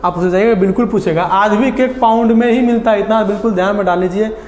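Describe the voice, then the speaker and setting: A man teaching a lesson, asking questions and answering them himself, repeating key words slowly. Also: sits high, darkish tone. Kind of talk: classroom lecture. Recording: echoey hall.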